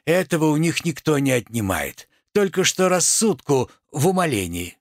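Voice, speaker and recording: A man's voice: fairly high pitch, very animated, normal speed, vocal fry, dry recording, studio quality, heavily acted. A man reading a play aloud, voicing a shrewd, stubborn merchant who talks with sly, homespun deference.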